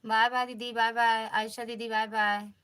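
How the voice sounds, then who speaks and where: Brief: woman, Awadhi accent, bright, cheerful live-stream chatter, greets viewers by name, phone mic. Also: fairly high pitch, flat delivery, normal speed, clean tone. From northern India. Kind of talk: casual live stream chat.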